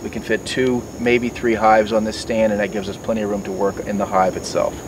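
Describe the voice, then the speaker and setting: In this outdoor demonstration, a middle-aged man explains beekeeping equipment one piece at a time in the garden, with lots of fillers and false starts. He talks fairly quickly in a level tone with a fairly low pitch, and the distant microphone catches the sounds around him.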